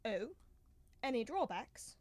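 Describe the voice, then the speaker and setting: Girl playing a genial chatty doctor sidekick in a radio mystery, slightly high voice, dry sound. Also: very animated, slow pace, a little mellow, dry recording, full character voice. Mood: jaunty, curious. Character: chatty, genial male doctor, detective's companion. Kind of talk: 1930s radio mystery acting.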